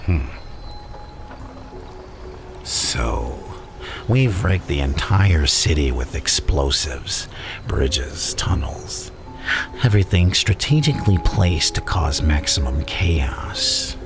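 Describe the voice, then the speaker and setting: Music plays behind a very deep, gravelly villain, a theatrical madman in an ASMR roleplay. He draws out his words slowly and conspiratorially, often dropping into a breathy, menacing whisper. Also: lively intonation, heavily acted. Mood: conspiratorial, sinister. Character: Joker, theatrical male villain, menacing, philosophical, gleeful madman.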